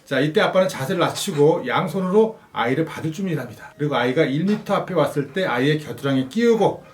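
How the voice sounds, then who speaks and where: Male narrator, instructional parenting talk, somewhat high pitch, echoey room, acts out sound effects. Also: animated, fast.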